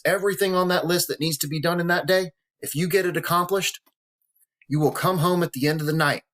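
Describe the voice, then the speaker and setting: A man's voice: on the high side, a bit bright. A man in his thirties talking to camera, earnest and emotional, mixing blunt swearing with heartfelt talk and holding back tears. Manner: earnest, emotional, profane, motivational. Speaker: vlogger.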